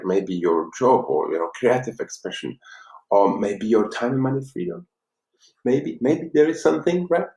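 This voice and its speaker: A man's voice: fairly low pitch, gravelly, darkish tone, recorded from a distance. A man with a Czech accent, a life coach giving an earnest, motivational workshop talk with non-native phrasing. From Czech Republic. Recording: echoey room, speaker away from mic.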